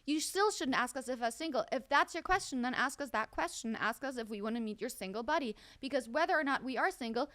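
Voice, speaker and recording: A young adult woman co-hosting a comedy podcast, telling a story with lively, exaggerated quotes. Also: high-pitched, fast talker, few pauses. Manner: animated, acts out quotes in an exaggerated voice. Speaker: podcast co-host.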